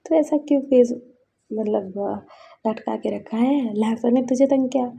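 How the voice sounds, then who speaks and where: A woman's voice: a little high, a little slow, vocal fry, mellow, a little hiss or hum. A woman voicing a caring older man who soothes and teases a crying friend. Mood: soothing.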